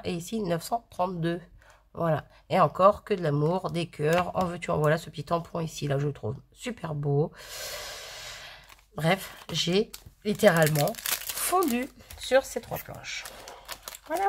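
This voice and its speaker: A woman's voice: lowish voice, creaky, slight background noise. Rambling, giggly woman vlogger. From France. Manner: rambling, giggly, gushing, self-interrupting. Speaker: craft vlogger. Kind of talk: casual chat.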